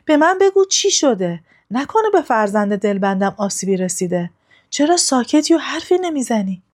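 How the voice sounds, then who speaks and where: A woman's voice: expressive, darkish tone, close to an everyday voice. Woman voicing a distraught noble mother. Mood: angry. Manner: high, cried-out, demanding lines. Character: grieving noble young mother, quick to anger.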